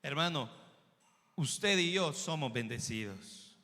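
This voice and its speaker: High bright-voiced male pastor preaching. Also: lively intonation, slow pace. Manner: preaching with swings between loud calls and soft low asides; addresses listeners directly as brother and church. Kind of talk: sermon. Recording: long hall reverb.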